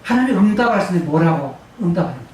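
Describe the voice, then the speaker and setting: A woman's voice: lowish voice, very animated, darkish tone. A woman pastor preaching a sermon, drawing out emphatic phrases and calling for answers from the congregation. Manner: call-and-response with congregation, drawn-out emphatic phrases. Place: church sanctuary. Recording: very echoey church hall, distant mic, faint room noise.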